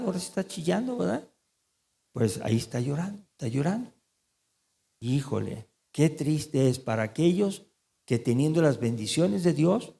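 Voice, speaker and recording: A man preaching a sermon as pastor, animated and asking the congregation questions. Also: fairly high pitch, creaky, in a large hall. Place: church.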